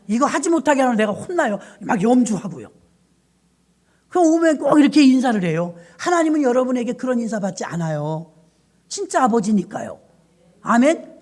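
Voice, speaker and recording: A middle-aged woman pastor preaching a sermon, emphatic and firing rhetorical questions at her congregation. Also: fairly high pitch.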